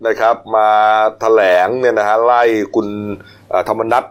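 A man's voice: lowish voice, moderate pace. A man hosting a news talk show, chatting casually with co-hosts and using many polite particles. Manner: chatty, many polite particles, rising excitedly when retelling.

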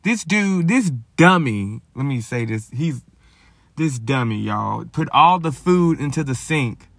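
A man telling a story to his viewers in a casual, lively, slangy way. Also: medium pitch, unhurried, creaky. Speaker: vlogger.

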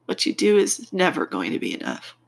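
A woman hosting a reflective personal podcast, speaking in deliberate, expressive phrases with a congested, nasal voice from a stuffed-up nose. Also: fairly low pitch, vocal fry. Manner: unhurried, deliberate phrasing with pauses. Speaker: podcast host.

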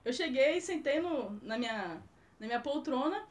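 A woman with a Brazilian Portuguese accent, co-hosting a film podcast and telling lively anecdotes in a casual chat. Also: sits high, moderate pace. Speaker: co-host film critic.

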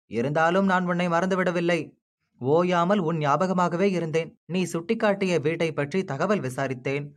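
A man's voice: fairly high pitch, lightly acted. A man voicing an earnest young freedom volunteer who explains himself in a pleading tone in a storybook reading.

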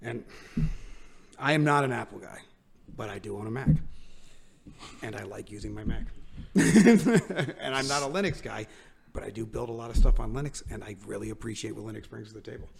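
A man's voice: medium pitch, gravelly. An American man co-hosting a tech podcast, rambling in casual chat, joking at his own expense and laughing often. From United States. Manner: rambling, self-mocking, quick to laugh. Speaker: podcast co-host.

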